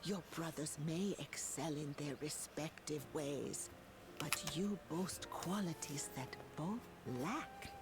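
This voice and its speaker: A woman playing a gentle elderly nursemaid in a video game, speaking in a measured, formal and tender way. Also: low-pitched, very noisy. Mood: tender, encouraging. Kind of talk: video game cutscene acting. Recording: loud game music behind the voice.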